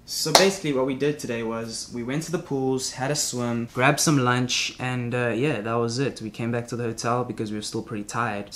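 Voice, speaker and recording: A man's voice: medium pitch, noisy background. A young man chats straight into a camera held at arm's length. He rambles, restarts sentences and jokes around in a casual vlog style, with some music underneath. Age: young adult. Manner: rambling, self-interrupting, playful. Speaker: vlogger. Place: hotel room and outdoors, handheld. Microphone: camera mic at arm's length.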